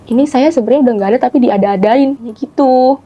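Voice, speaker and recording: A woman telling a ghost story in casual chat, animated and acting out the voices of the people in it. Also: on the high side, fast talker, lo-fi sound. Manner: animated, acts out quoted voices, keeps saying "gitu". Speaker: guest telling ghost stories.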